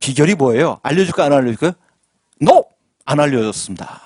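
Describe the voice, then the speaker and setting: A man's voice: mid-range voice, big pitch swings, moderate pace, darkish tone, no echo, clean studio sound. A man preaching a sermon as pastor, asking the congregation questions and drawing call-and-response. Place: church sanctuary.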